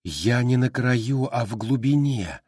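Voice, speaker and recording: A bewildered man caught inside a strange creature in an audiobook fantasy, working things out slowly, as a male narrator voices him. His husky voice stays low and measured. The sound is dry and close. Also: lively intonation, a little mellow, no echo. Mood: musing. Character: bewildered trapped man, thoughtful.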